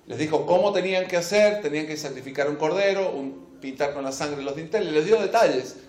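A man's voice: on the high side, brisk, darkish tone. A man preaching a sermon, reading scripture and then speaking straight to his listeners, stressing and repeating his key phrases. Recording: echoey room.

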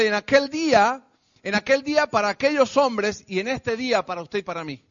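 A man preaching a sermon to a congregation, going from quiet, measured passages to loud, shouted rebukes. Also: very high-pitched. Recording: dull lo-fi recording.

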